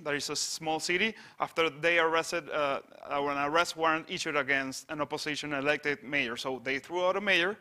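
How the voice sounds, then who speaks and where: A man from Venezuela, giving a wry, halting conference talk with many restarts. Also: fairly high pitch, sharp tone. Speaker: conference speaker on satire news site. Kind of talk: conference presentation. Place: conference stage.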